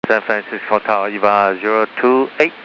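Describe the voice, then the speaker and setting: A male airline pilot heard over aviation radio, reading back instructions to the tower in brisk, clipped phrases. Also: on the low side, steady tone. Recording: muffled radio with faint static.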